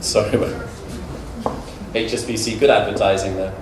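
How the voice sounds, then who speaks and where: Speaking at normal speed in a lowish, steady voice, a middle-aged British conference speaker lectures in a hall. He keeps it conversational and funny, with anecdotes and fillers throughout. The audio is echoey, picked up by a distant mic with faint noise.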